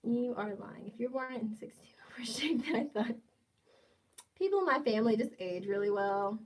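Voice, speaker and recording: A woman in her twenties hosts a casual livestream at a moderate pace, her slightly high voice full of lively intonation. She reads comments from chat and plays around with viewers, teasing them and tossing out jokey asides.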